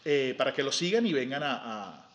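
A man's voice: medium pitch, expressive, fairly quick, a bit bright. A man co-hosting a podcast, joking loosely and trailing off into restarts. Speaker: podcast co-host. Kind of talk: casual chat.

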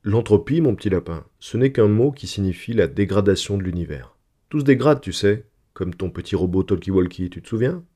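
A cheerful, confident father, read by a man speaking in a hearty, emphatic way. His voice is lowish and mellow, lifted a little above the narration. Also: animated, a little fast. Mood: reassuring. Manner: hearty, emphatic reassuring delivery.

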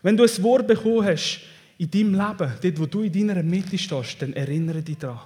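Swiss german guy preaching, high voice, goes loud then quiet, big echoey hall with faint music. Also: a little fast. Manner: animated, swings between loud declarations and hushed asides. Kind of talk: sermon. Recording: long hall reverb.

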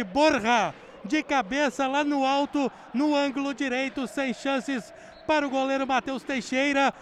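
Very high-pitched excited football reporter, male. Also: a little hiss or hum. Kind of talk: energetic live goal recap.

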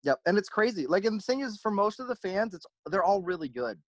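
A man's voice: high voice, fairly quick, no echo. A man who runs a merchandise brand, telling stories in a casual interview and acting out the back-and-forth. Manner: animated, acts out quoted exchanges.

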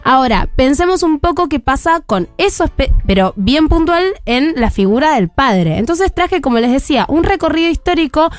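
A woman's voice: high-pitched, very animated, normal speed, hardly any pauses, dry recording, faint music behind. An Argentine woman, around her thirties, giving a chatty parenting column on radio with plenty of restarts and fillers. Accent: Argentine Spanish.

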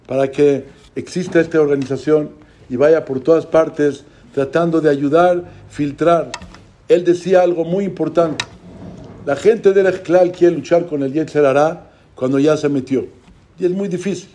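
Guy preaching a religious talk, high but mellow voice, keeps asking questions back at you. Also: slight background noise. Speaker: religious speaker. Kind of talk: religious lecture.

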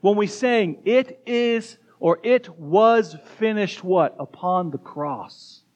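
A man with a high voice preaches a lively sermon in a church. He talks in quick bursts and calls straight out to the kids and the whole congregation. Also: highs cut off. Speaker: pastor. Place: church sanctuary.

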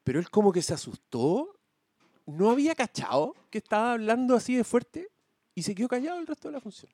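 A man with a Chilean accent telling an animated, slangy story among podcast co-hosts, swearing freely. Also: very high-pitched, brisk, dry recording. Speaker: podcast co-host. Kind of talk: casual storytelling chat.

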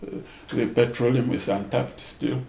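Man, mellow creaky voice, halting thoughtful delivery, seminar speaker, echoey room, faint noise. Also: mid-range voice, fairly even intonation. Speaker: panel speaker. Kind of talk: extempore seminar answer. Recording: roomy echo, faint background noise.

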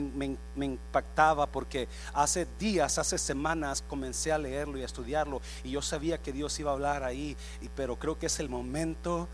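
A male pastor preaching a sermon, dropping to a hush and then rising to shouts, mixing in English phrases. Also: mid-range voice. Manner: swings from hushed to shouting, mixes in English phrases.

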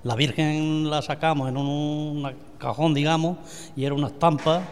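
A man's voice: on the high side, fairly even intonation, moderate pace, clear, resonant tone. Hesitant older Andalusian-born man, echoey. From Andalusia, Spain (La Rambla, Córdoba). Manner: hesitant, repeats words, homely storytelling. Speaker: vice president and founding member of a brotherhood. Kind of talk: radio interview answers. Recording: reverberant room.

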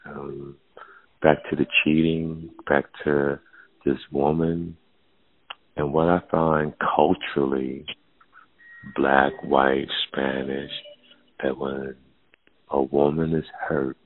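Blunt, very deep-voiced man on a tinny line. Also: flat delivery, slow, pauses often. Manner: blunt, profane, emphatic, calls listener "fam"; drops to a hushed, low murmur when telling something painful. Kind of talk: casual podcast chat. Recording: phone-like narrow sound.

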